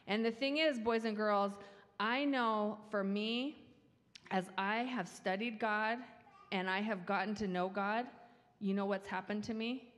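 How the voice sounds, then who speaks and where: On a church stage, a middle-aged children's story leader holds a handheld mic and plays a game with the kids, animated and playful as she addresses them. She speaks unhurriedly at medium pitch, her voice echoing through the reverberant hall.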